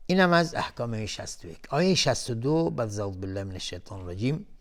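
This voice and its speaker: A man hosting a televised Quran recitation lesson, chanting each verse slowly and melodically, then calmly explaining the recitation rules word by word. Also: medium pitch. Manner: calm, methodical, repeats each word while explaining. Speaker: Quran recitation teacher and host.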